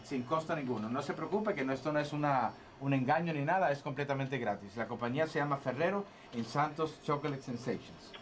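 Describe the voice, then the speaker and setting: A man playing an over-polite, hesitant chocolate salesman on a phone sales pitch, repeating himself. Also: a little fast, hardly any pauses, close to an everyday voice. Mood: courteous. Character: polite male chocolate salesman claiming to be French. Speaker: prank caller. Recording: noisy radio phone call.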